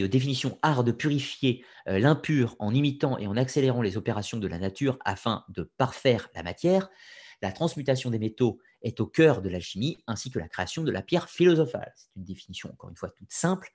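Male lecturer, husky and hesitant, casual, opinionated. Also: medium pitch, a little mellow. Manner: conversational, frequent hesitations, opinionated asides. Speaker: lecturer on occult history. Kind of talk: informal spoken lecture.

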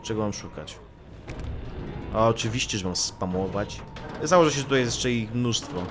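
A man's voice: lowish voice, moderate pace, over music. A man giving joking Let's Play commentary and talking to the enemies he fights. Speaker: gaming YouTuber.

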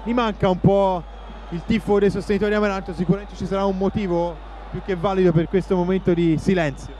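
A man's voice: sits high, fairly even intonation, quick pace, a little mellow. A man giving live play-by-play football commentary from a noisy stadium. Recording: noisy stadium broadcast with crowd. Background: stadium crowd noise.

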